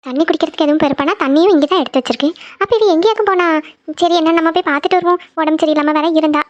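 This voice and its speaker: A woman's voice: high voice, rapid-fire, no echo, natural voice. A woman voicing an elderly grandmother who frets and scolds in a cartoon. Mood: worried. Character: elderly grandmother, fussy and caring. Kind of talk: cartoon voice acting. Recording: dull lo-fi audio.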